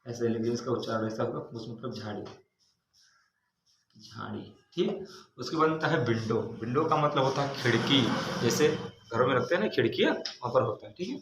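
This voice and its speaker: A man teaches an English vocabulary lesson in a large classroom. He spells each word out slowly, letter by letter, and keeps circling back to repeat its meaning. The room is echoey, with a faint hiss of noise behind him. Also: medium pitch, animated.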